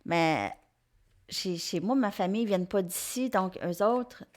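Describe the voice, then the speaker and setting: A woman's voice: mid-range voice, a little slow. A woman with a Québécois French accent doing a tarot card reading for viewers, hesitant, with many fillers and restarts. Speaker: tarot reader.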